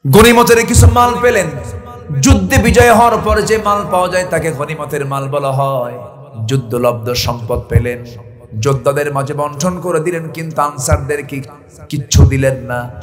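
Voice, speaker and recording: A man from Bangladesh preaching a waz sermon, calling out questions and shouting for the crowd to answer back. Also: medium pitch, steady tone, normal speed, long reverb tail. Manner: call-and-response, shouting to the audience.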